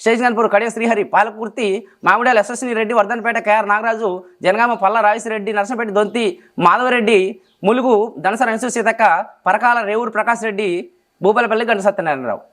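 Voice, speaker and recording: High-pitched fast-reciting Telangana Telugu man. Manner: rattles off long lists in an even, unbroken cadence. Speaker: interview guest reciting names from memory. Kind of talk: rapid memorized recitation.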